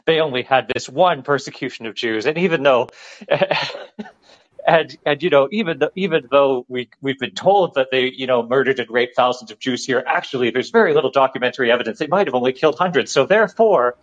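A man's voice: mid-range voice, quick pace, hardly any pauses. A man calling in to a show, rambling casually with many restarts and fillers. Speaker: caller. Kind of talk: casual call-in chat. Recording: dull lo-fi call line.

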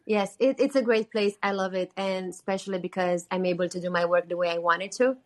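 On a call-in interview, a young singer-songwriter with a Romanian accent speaks in a low-leaning, steady voice at a slightly fast pace. She is from Romania, talks earnestly and chattily, and leans heavily on "like" as a filler.

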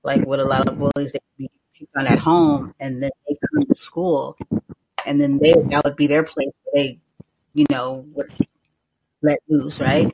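A man's voice: fairly high pitch, big pitch swings, normal speed, gravelly, very noisy. A young man hosting a live call-in podcast, talking loosely and rambling, with a lot of filler words and some swearing. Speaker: host.

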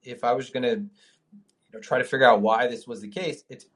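A man of middle pitch with the hiccups, hosting a call-in podcast from his home trading desk. He rambles in casual talk, full of restarts and fillers, and swears now and then. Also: steady tone, fairly quick, a bit bright. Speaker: podcast host.

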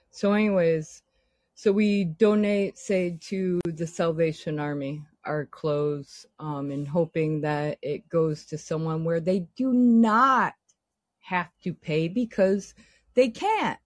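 A woman's voice: deep voice, takes it slowly, no room sound. A woman chatting casually in an exasperated, sweary ramble, her S sounds lisped and slurred, lips over toothless gums. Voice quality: lisping, slurred S sounds from missing teeth. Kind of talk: casual chat.

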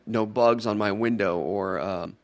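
A man's voice: fairly low pitch, a little slow. A man co-hosting a talk show, telling stories casually and bluntly, swearing freely. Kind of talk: casual banter and storytelling.

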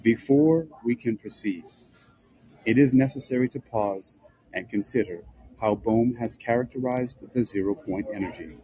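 Husky, mellow man reading scholarly prose. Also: mid-range voice, normal speed, no room sound, rough recording. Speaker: narrator reading a nonfiction book aloud. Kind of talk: scripted narration, reading aloud.

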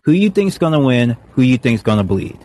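A man's voice: medium pitch, sing-song, fairly quick, a little mellow. A man hosting a wrestling call-in podcast, talking casually and enthusiastically to his panel and laughing often. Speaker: podcast host.

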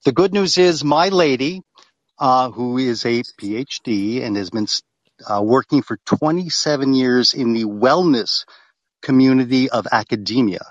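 A man's voice: medium pitch, unhurried, dry recording. A man calling in to a talk show over a Bluetooth headset that clips his sound, explaining at length. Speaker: caller. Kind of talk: call-in chat. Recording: dull lo-fi call line.

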